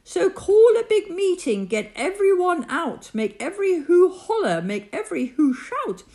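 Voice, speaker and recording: Casting: female reader as big-hearted male elephant for a storybook, high, animated, earnest, calling out emphatically. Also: measured pace. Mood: alarmed, urgent.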